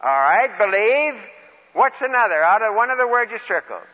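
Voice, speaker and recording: A man's voice: sits high, very animated, moderate pace. A man preaching in a folksy, plain-spoken way, mixing questions to his listeners with personal storytelling in short phrases. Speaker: preacher leading a Bible lesson. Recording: dull, reverberant large-hall recording.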